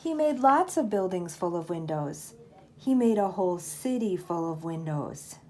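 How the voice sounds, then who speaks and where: This grandmother's voice sits on the low side as she reads a children's book aloud. She tells the tale in an expressive, steady manner.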